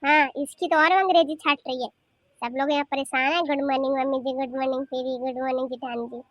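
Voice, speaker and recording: A woman's voice: sits high, brisk, fairly bright tone, no echo. A woman voicing a scolding cartoon grandmother. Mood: sarcastic. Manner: scolding, nagging rhetorical questions. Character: scolding grandmother, sharp-tongued and bossy. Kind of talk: cartoon voice acting.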